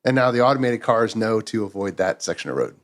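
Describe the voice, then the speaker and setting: A man's voice: lowish voice, fast talker. A man hosting a podcast, chatting casually and asking his guest questions. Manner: conversational, asks questions. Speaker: podcast host. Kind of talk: casual interview talk.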